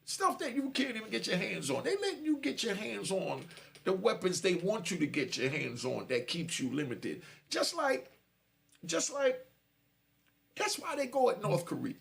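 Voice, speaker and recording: A fiftysomething ex-prisoner delivers a monologue to camera, preaching cautionary lessons to young listeners. His voice sits high and swings widely in pitch, sounding creaky and fairly bright at a moderate pace.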